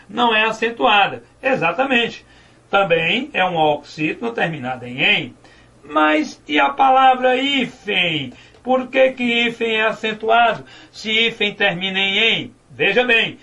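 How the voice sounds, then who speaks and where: A man teaches grammar in a high, bright voice. He explains step by step and poses questions that he then answers himself. The microphone sits some way off, so he sounds distant in the room. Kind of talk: classroom grammar lesson.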